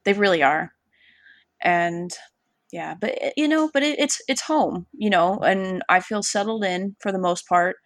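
A woman's voice: mid-range voice, measured pace, dry recording. Blunt, casual woman chatting, dry sound. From Washington State. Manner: blunt, swears freely, laughs often. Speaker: friend chatting. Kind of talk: casual chat.

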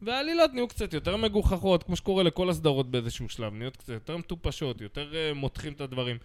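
Animated man telling stories. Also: a little high. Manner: animated, explaining, laughing at friends. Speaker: podcast co-host. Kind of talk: casual storytelling.

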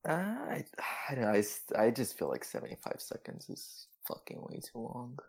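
A young man chatting casually in bro-ish gamer slang, swearing and haltingly circling back with lots of "like". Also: medium pitch, huge pitch swings, vocal fry, darkish tone, husky. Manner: halting, many repeats of "like". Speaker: competitive video game player on a podcast. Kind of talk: casual chat.

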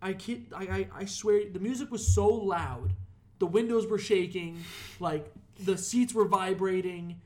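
A young man with a high voice hosts a casual chat. He tells his story in a loose, animated way, swearing as he goes. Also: a little slow. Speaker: podcast host. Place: apartment room.

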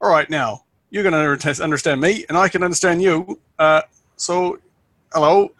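A man's voice: fairly high pitch, moderate pace, a bit bright, dry recording, voice pushed up. A man voicing a cheeky male adventurer in a tabletop game, hesitant and repeating his phrases as he rambles. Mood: wry.

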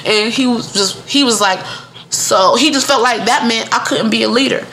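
A woman from Detroit, bright and forceful in tone, tells a workplace story in blunt, profane casual chat. She laughs often and swears freely. A faint hiss of noise sits under her voice. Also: on the high side, normal speed. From Detroit, Michigan. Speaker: podcast co-host.

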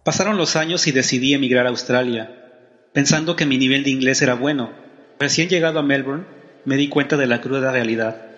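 A man with a Mexican Spanish accent, narrating in a measured, reflective way and asking questions as host. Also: mid-range voice, fairly bright tone. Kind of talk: scripted narration. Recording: dull sound with reverb over music.

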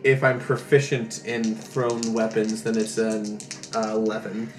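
A man's voice: on the low side, monotone, unhurried. A man chatting casually as a tabletop player, thinking aloud in a hesitant way. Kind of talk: casual game chat. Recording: echoey room, faint music behind.

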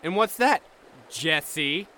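Heavily acted and very slow, this man's high-leaning voice sounds pushed and bright, with a little hiss or hum in the recording. He's an exasperated squad corporal in a comedic audio drama, impatiently barking orders at his soldiers.

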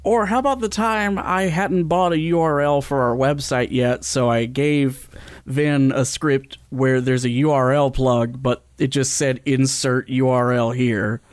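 A man's voice: medium pitch, fairly even intonation, a little slow. A man hosting and editing a podcast, giving casual behind-the-scenes commentary in a wry, playful way. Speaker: podcast host and editor.

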